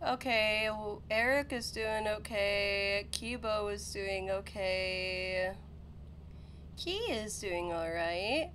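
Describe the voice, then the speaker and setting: A woman streaming a game, talking casually and excitably to friends. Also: medium pitch, slow pace, slight background noise, rough recording. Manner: excitable, swings to loud yelling. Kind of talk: casual gameplay chat.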